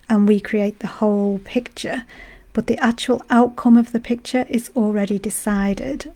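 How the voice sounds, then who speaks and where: A woman who is unwell, her voice going hoarse, chatting gently as host of a spiritual live stream and greeting viewers by name. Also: medium pitch. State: hoarse from illness. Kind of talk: casual spiritual talk.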